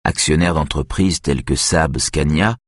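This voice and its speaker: Low husky male audiobook narrator. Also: dry recording, clean studio sound. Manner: even, measured reading.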